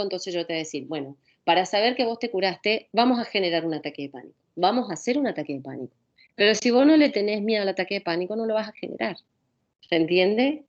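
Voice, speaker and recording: A woman with a Rioplatense Spanish accent giving an informal pharmacology lecture. She talks conversationally, repeats calming phrases and often asks rhetorical questions. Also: lowish voice, highs cut off.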